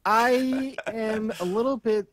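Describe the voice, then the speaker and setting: A man with a very high-pitched, fairly bright voice speaks slowly over slight background noise. He's a panelist on a movie news talk show, chatting casually and thinking aloud in hesitant phrasing.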